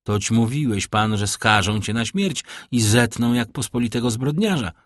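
A man's voice: mid-range voice, moderate pace, no room sound, clean studio sound, natural voice. A man reading an audiobook, voicing a proud young woman who speaks with clipped, commanding scorn. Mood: cold, scornful.

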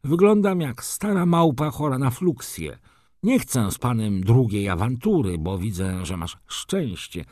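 A man voicing a vain, flustered nobleman in an audiobook, talking in a shrill, fussy voice. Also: animated, measured pace, darkish tone, dry recording, studio quality. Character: shrill vain old-school male baron.

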